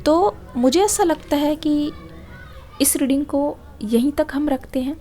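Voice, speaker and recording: A woman gives a tarot reading to her viewers. Her voice sits high but sounds mellow and warm. She explains patiently and keeps dropping in a reassuring filler as she goes. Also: measured pace. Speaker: tarot reader.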